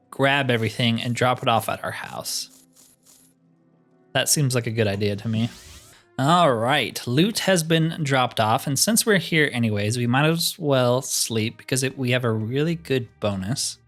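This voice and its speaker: Playing a fantasy roleplay game for his YouTube channel, this man keeps up relaxed let's-play commentary, musing out loud. His voice is mid-range with a fairly bright tone.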